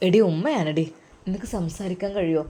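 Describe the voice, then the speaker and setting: Brief: woman playing a young man, gentle, lowered voice, quietly reassuring his mother in a Malappuram story. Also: fairly quick, lightly acted. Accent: Malappuram Malayalam. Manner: soft, calming, lower voice.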